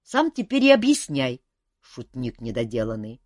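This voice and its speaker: A woman's voice: rumbling low, huge pitch swings, normal speed, dry recording, clean studio sound, full character voice. Woman reading a touchy young paladin. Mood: indignant. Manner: touchy, easily offended. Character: indignant young male paladin prince.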